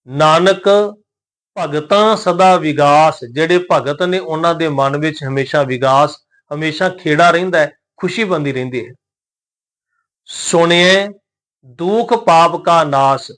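A man with a Punjabi accent teaching scripture pronunciation, chanting verses slowly and then explaining them in a calm, measured way. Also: on the high side. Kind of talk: scripture recitation lesson.

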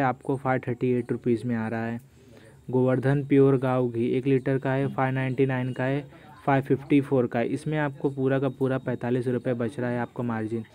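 Flat-voiced man reading prices. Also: medium pitch. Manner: repeats "doston" often, reads prices aloud. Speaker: YouTube host. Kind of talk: screen-recorded product walkthrough.

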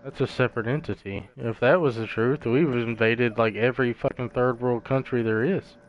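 A man's voice: medium pitch, fairly even intonation, normal speed. Brash trash-talking gamer guy. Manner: brash, profane, mocking. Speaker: gamer streaming with friends. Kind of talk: casual trash talk over voice chat. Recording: dull lo-fi gaming mic, faint hiss.

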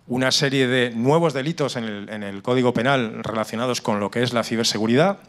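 In an indoor conference room, a seated audience hears a middle-aged man with a Spanish accent from Spain explain cybersecurity during a slide presentation. Holding a microphone, he talks a little fast in a mid-range voice, often restarting and repeating words.

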